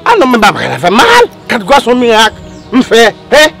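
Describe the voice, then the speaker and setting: An actor playing a boastful man who claims to work miracles for pay, talking in an excited, insistent way. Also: very high-pitched, a little fast, over music, exaggerated voice. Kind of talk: amateur drama acting.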